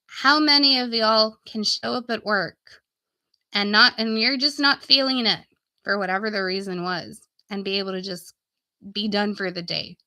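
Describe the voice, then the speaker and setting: On a live stream mixing casual chat with a sales pitch, a woman speaks directly to viewers like an informal, folksy coach. Her bright, forward voice is at a middling pitch with fairly even intonation and a moderate pace, though she's getting sick and starting to lose it. The recording is dry, with very little room sound.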